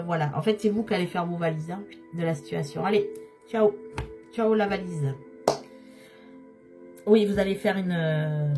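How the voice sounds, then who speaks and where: A slightly hoarse woman giving a tarot reading, speaking straight to her viewers and repeating key phrases for emphasis. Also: mid-range voice, mellow. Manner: repetitive, emphatic, addresses viewers directly. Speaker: tarot card reader.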